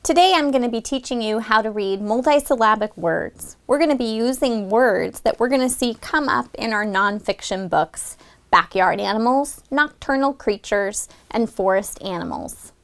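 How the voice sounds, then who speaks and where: A woman teacher explaining a phonics lesson plan and then modeling it, drawing out the vowel sounds slowly and deliberately for students. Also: a little high, lively intonation.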